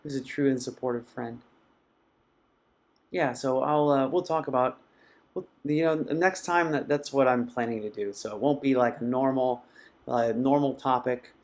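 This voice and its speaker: A man hosting a live mindfulness session, speaking in a reflective, halting way as he reads out viewers' comments. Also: medium pitch, fairly even intonation. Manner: reflective, soft-spoken and halting. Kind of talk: casual live-stream talk reading viewer comments.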